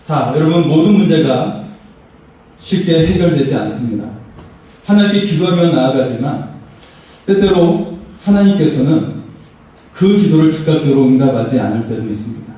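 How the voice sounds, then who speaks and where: A man's voice: on the high side, normal speed, long pauses, dark tone. A pastor, a man, preaching a sermon with emphatic, rising phrases. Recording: echoey hall, voice far from mic.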